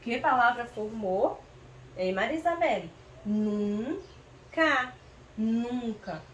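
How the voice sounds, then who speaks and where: Her fairly high voice carries a northeastern Brazilian Portuguese accent as she, a primary school teacher, patiently takes young children through a slow reading lesson. She pronounces each syllable clearly and names pupils to answer, heard through a distant mic in a roomy room with faint noise.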